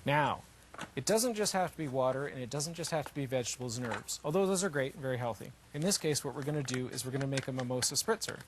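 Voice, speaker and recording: A man's voice: medium pitch, animated, fast, noisy background. A man demonstrating his own invention live, explaining it step by step with emphatic repetition. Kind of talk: unscripted live product demonstration.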